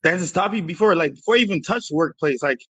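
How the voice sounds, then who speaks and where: A young man from Jamaica co-hosting a podcast, telling stories in animated casual slang. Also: fairly high pitch, fast, husky, dry recording, low-quality recording. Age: young adult. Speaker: podcast co-host.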